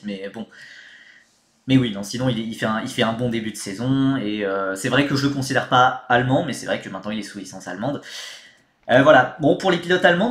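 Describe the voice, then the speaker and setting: A man's voice: medium pitch, fairly bright tone, roomy sound. A man chatting casually on a live stream, rambling with lots of fillers and thanking viewers mid-sentence. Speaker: motorsport streamer.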